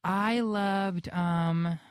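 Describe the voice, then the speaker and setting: A young man with a naturally high-pitched voice, a guest actor in a radio interview, talking haltingly with many fillers and restarts. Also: fairly even intonation, clean tone, dry recording, clean studio sound.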